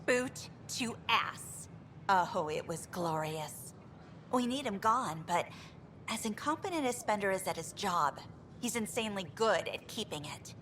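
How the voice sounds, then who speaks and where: A woman's voice: mid-range voice, animated, a little slow, fairly bright tone, slight background noise. A woman voicing a frustrated female engineer on a space station, venting in an earnest, exasperated way.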